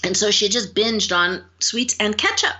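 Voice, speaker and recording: A woman psychologist, a guest on an interview show, telling stories in an animated way and acting out the dialogue in them. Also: mid-range voice, measured pace. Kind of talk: storytelling interview answers.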